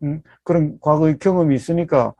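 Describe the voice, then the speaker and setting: A man's voice: fairly high pitch, a little fast, warm tone, no echo. A man giving a Buddhist dharma talk as a meditation teacher. He explains step by step, poses rhetorical questions and keeps checking in with his listeners.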